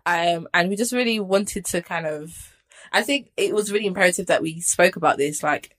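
Young woman, British accent, slightly low pitch, podcast co-host, casual reflective talk. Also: moderate pace, fairly bright tone. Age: young adult.

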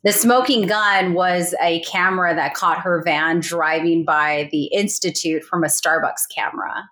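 A woman's voice: fairly low pitch, fairly even intonation, a little slow, sharp tone. A woman recounting a real crime in a casual interview, hesitant with many fillers and restarts. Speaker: guest recounting a colleague's murder.

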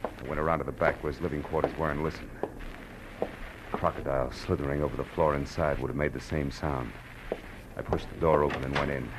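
A bass-voiced American man, lead and narrator of a hard-boiled 1940s radio drama, acts as a tough, wry private detective recounting his case. His narration is tense and dry, delivered in a clipped, sardonic, slangy way, heard through a noisy vintage radio recording.

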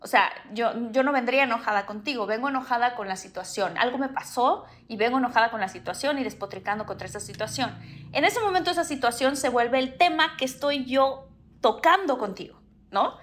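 Lively Mexican woman co-host. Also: a little high, a little fast, slight background noise. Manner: laughing, animated explainer. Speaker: podcast co-host. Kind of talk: casual chat.

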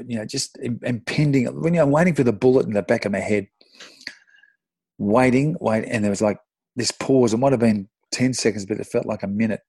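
Husky Australian bloke telling footy yarns. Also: male voice, medium pitch, no echo. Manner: animated anecdote with swearing and self-deprecating laughs. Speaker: podcast guest, former footballer. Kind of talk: casual storytelling.

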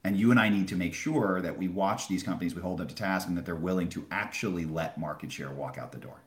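A man's voice: low-pitched, fast talker. A man giving conversational expert analysis as a retail analyst in a podcast interview, explaining emphatically and posing questions that he answers himself. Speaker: Wall Street retail analyst. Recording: roomy, echoing sound.

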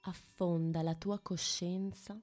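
Hushed, very slow woman guiding meditation, close-up. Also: on the low side, level tone, faint music behind. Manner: hushed, intimate, close to the ear; long pauses between short phrases. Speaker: meditation guide. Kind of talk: guided meditation, slow and soothing.

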